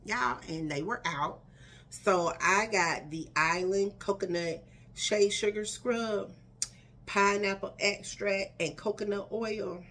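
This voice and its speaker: A vlogger chats casually to camera from her living room in a slow, mid-range voice, speaking straight to her viewers. Chatty and animated, she calls them y'all and girl, recorded by a camera in front of her at desk distance.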